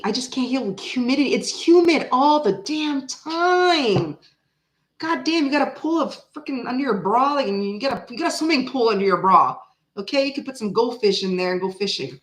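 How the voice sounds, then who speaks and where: This tarot reader is a fortyish Canadian-born woman who grew up in Florida, is bilingual in French, and has an American accent. Her voice sits a little high at a normal speed as she rambles to live viewers in a casual stream, now and then bursting into animation, with a roomy sound.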